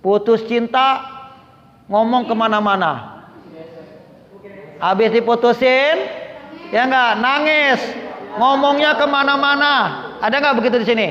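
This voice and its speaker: A man teaches a religious lesson at a slow, deliberate pace. He keeps asking his listeners questions in a call-and-response way. The recording is dull and lo-fi, with a long echoey hall sound. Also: extremely high pitch, sharp tone. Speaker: Islamic teacher. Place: prayer room gathering.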